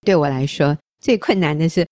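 Earnest woman radio host, low voice. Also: brisk, darkish tone, dry recording, clean studio sound. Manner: earnest, reflective, self-deprecating. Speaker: radio talk show host.

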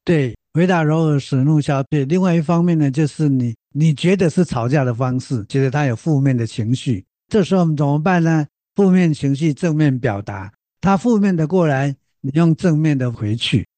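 A man with a fairly high but mellow voice gives advice on a faith talk show. He explains his point and asks questions of the listener. The sound is dry. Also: animated, normal speed, few pauses, dry recording. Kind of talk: conversational counsel talk.

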